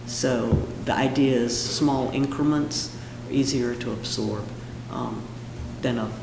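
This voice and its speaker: A man presents informally at a meeting in a hoarse, froggy voice thickened by a cold. His delivery has a creaky edge, and the room is echoey with clear background noise. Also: medium pitch, fairly even intonation, slow pace. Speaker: presenter of a budget request at a town meeting.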